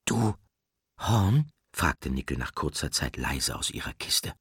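A man narrating a children's audiobook in a calm, deliberate storytelling manner. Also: rumbling low, husky, no room sound, clean studio sound.

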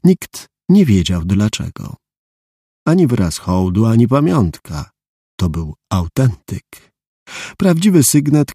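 Guy reading an audiobook, gravelly dark voice, dry close sound. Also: fairly low pitch, no room sound. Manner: dry, matter-of-fact storytelling. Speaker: audiobook narrator. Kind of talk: scripted narration.

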